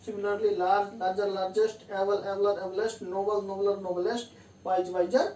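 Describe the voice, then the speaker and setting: Woman grammar teacher, patient step-by-step explainer, mellow tone, far from the mic in a roomy space. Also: mid-range voice, level tone, very slow. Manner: explains step by step, repeats key terms and says "theek hai" to check understanding. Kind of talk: classroom lesson explaining grammar rules. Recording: distant roomy mic with faint room hum.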